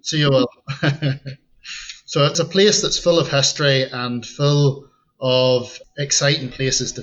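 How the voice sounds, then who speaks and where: A podcast guest who works as a tour guide chats easily in a casual interview, his Northern Irish accent carrying an Ulster Scots tinge. He's easygoing and chuckles often, with a mid-range, slightly bright voice and highs cut off.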